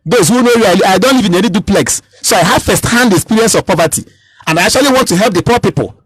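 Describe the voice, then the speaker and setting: A Nigerian man in his thirties talks at a rapid clip, pressing his points hard and circling back over his own words. His voice sits high and has a slightly husky grain, recorded close and dry on a radio mic. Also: animated, dry recording, low-quality recording. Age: 30s. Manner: emphatic, repeats and restarts phrases. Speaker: political candidate. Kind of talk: radio interview.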